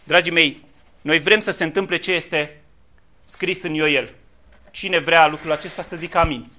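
Impassioned high-voiced male preacher. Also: fairly even intonation. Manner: impassioned, swings from quiet to shouting. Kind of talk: fiery sermon.

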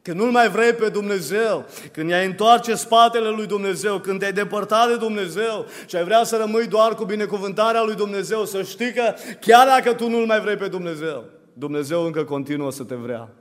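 A man preaching a sermon in a church, emphatic and repetitive, his voice rising to louder peaks. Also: high-pitched, few pauses. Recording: long reverb of a church hall.

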